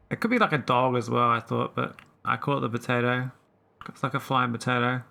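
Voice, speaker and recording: A man chatting casually while streaming a game, rambling with many pauses and talking to his viewers. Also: mid-range voice, vocal fry, bright, forceful tone. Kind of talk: casual live-stream chat.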